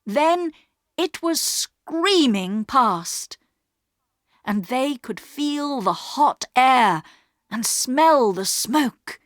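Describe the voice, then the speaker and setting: Slow, clear woman narrating a story. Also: high-pitched, a bit bright, dry recording, studio quality. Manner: clear, carefully paced reading. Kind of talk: slow scripted story narration for English learners.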